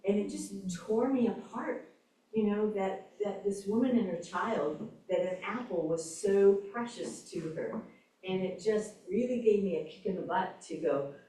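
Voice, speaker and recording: A woman's voice: mid-range voice, moderate pace, mellow. A woman at a congregation gathering telling a reflective personal story, with frequent restarts. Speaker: congregation member sharing. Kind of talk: casual group sharing. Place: large echoey church hall. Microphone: room mic from a distance. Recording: echoey hall, voice from far off.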